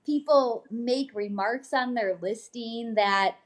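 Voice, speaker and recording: Speaking slowly with a fairly high-pitched voice, an American real estate agent hosts a casual livestream. She reads her newsletter aloud in an informal, chatty way, frequently tacking on little check-ins such as "okay?".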